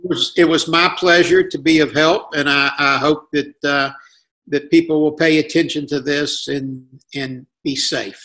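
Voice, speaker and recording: A man answering interview questions with health advice over a video call, talking in a hesitant, halting way with many pauses and fillers. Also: fairly high pitch, steady tone, pushed and bright.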